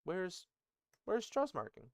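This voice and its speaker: A man's voice: sits high, huge pitch swings, slow, creaky, a little mellow, dry recording, studio quality. A man thinking aloud as he works on an invented language, muttering and correcting himself. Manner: muttering, self-correcting, musing. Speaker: conlang creator. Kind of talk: thinking aloud while working.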